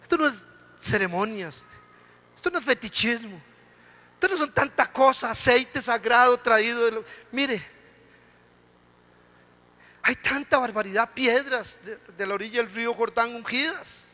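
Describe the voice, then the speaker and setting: Speaking at an extremely high pitch with a measured pace and long pauses, this pastor delivers a fervent sermon in a bright, forceful tone. He keeps calling his listeners "hermano," and a long hall reverb surrounds his voice.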